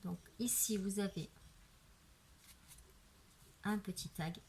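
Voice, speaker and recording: A woman's voice: mid-range voice, fairly even intonation, slow pace, a little mellow, slight background noise. A woman casually showing off a handmade craft album, chatting as she turns each page and filling her talk with "voilà" and "euh". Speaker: craft video maker. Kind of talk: casual craft show-and-tell. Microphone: camera on a tripod.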